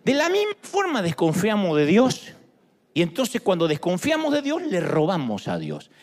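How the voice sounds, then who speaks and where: A man's voice: sits high, moderate pace. A man preaching a sermon, joking and acting out little dialogues. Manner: animated, jokes, acts out dialogues. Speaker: pastor. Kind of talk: sermon with humorous stories.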